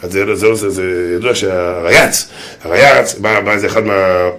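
A man preaching to a group. He tells a funny story, breaks into loud shouts and sound effects, and puts questions to his listeners. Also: on the low side, background noise. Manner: speaks to a group, asking them questions. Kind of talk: humorous storytelling sermon.

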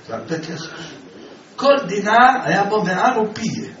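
A man teaching a religious lesson, an animated storyteller who keeps asking his listeners questions. His fairly high voice swings widely in pitch. He is picked up from a distance in a reverberant room, on a dull recording with faint background noise. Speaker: rabbi teaching a class. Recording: echoey room, distant mic, dull sound.

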